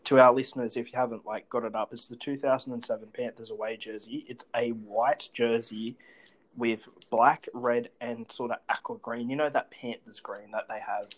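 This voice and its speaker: An Australian man hosts a casual sports chat. His mid-pitched voice stays fairly level in intonation, and he talks informally, as one fan to another. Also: fairly even intonation, normal speed, low-quality recording. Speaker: podcast host.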